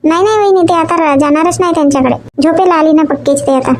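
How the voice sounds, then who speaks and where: A woman acting in a comedy sketch, complaining and nagging in rapid chatter. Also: very high-pitched, noisy background. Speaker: comic actor.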